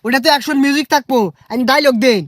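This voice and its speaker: Man, high voice, dry sound, quick grumbling sidekick banter. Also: steady tone, a bit bright, no room sound. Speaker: comedy sketch actor. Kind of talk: comic sketch acting.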